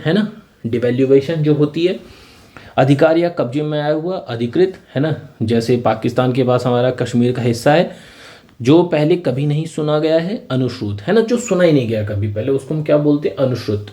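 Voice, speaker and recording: A man teaching a vocabulary lesson for exam preparation. He explains each word patiently and keeps adding a quick tag question to check that his students are following. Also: medium pitch, dark tone.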